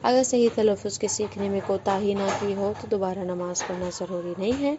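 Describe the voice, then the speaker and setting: Woman teaching a religious lesson, dull recording. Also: mid-range voice. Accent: Indian Urdu. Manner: explanatory, asks and answers her own questions. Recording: dull lo-fi with faint noise.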